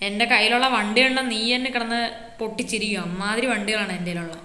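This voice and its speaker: A woman's voice: medium pitch, steady tone, quick pace, pushed and bright, natural voice. A woman voicing an easygoing adult man, showing off his city in a game role-play with a boastful, teasing big-brother tone. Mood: casual. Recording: echoey roomy reverb.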